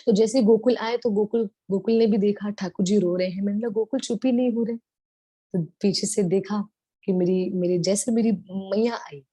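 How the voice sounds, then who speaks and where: A woman's voice: medium pitch, moderate pace, slightly rough, dry recording. A woman giving a devotional talk, telling stories tenderly and mixing English words into her speech. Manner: tender, animated storytelling with Hindi-English mixing. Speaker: devotional speaker.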